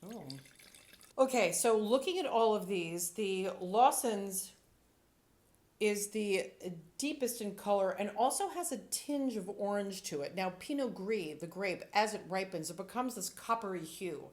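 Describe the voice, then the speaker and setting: A woman's voice: mid-range voice, lively intonation, a little slow. A woman sommelier giving casual tasting commentary, thinking aloud with playful, descriptive asides. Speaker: sommelier reviewing wines.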